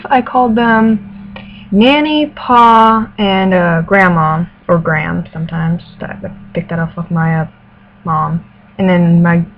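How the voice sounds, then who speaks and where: A woman speaking casually in a hesitant, think-aloud way, answering questions and reading aloud. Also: fairly low pitch. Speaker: accent challenge participant. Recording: tinny phone-like audio with background noise. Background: radio playing music in the background.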